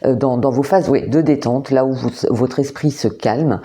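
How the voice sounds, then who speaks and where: A woman giving a monthly astrology card reading, talking gently and hesitantly with many repeated words and fillers, indoors under artificial light. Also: extremely low pitch, normal speed. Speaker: tarot and oracle card reader.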